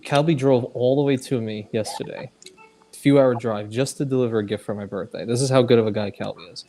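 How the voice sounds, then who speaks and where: A man in his twenties hosting a livestream, chatting casually with guests and laughing often. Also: mid-range voice. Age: 20s. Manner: laughs often, lively banter. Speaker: livestream host. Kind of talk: casual group chat on a livestream.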